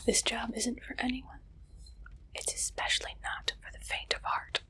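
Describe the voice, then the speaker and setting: Playing an interviewer in an ASMR roleplay, a woman whispers softly and breathily at a fairly high pitch. Her delivery is slow, deliberate, and deadpan.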